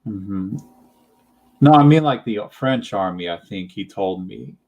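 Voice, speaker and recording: A man's voice: fairly low pitch, expressive, a little slow, darkish tone, muffled recording. A young man chatting casually as a channel host, rambling and hesitant, full of fillers and little laughs. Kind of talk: casual chat.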